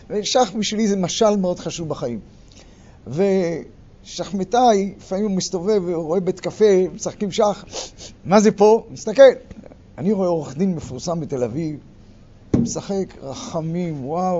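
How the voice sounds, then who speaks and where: An older man leading a workshop, lecturing a group and acting out quarrels in sharp, loud bursts. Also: high voice. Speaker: workshop leader. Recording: muffled recording with faint background noise.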